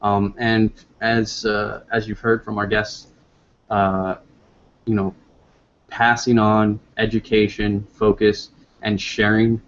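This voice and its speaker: A man's voice: fairly low pitch, little pitch movement, takes it slowly, lo-fi sound. A man hosting a casual live online discussion, rambling and upbeat with many fillers. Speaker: host.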